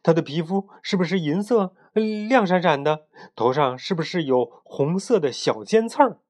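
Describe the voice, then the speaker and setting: Brief: gentle young penguin medic, eager and urgent, put on by a man reading aloud, pitched high. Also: moderate pace, close to an everyday voice. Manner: excited, rising questions.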